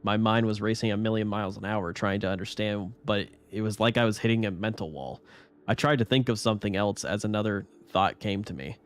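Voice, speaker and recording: A man reads a horror story aloud on his live stream in a low voice. He keeps a casual tone and often trips over words and restarts his lines. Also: a little fast. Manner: casual reading with frequent stumbles and restarts.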